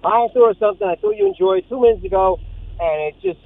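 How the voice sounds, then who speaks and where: A man's voice: very high voice, huge pitch swings, quick pace, creaky, no echo. Rambling male caller on a tinny phone line. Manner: friendly, rambling, self-deprecating. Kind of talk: phone call to a radio show.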